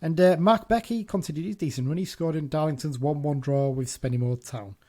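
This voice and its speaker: A man's voice: on the high side, fairly quick, mellow. A man hosting a casual football podcast, chatting loosely with frequent restarts and self-corrections. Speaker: podcast host.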